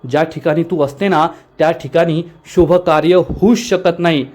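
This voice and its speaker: Scornful domineering woman boss, read by a man, high voice, scolding. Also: steady tone, normal speed, a little mellow, natural voice. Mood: angry scolding. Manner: angry, scolding, taunting.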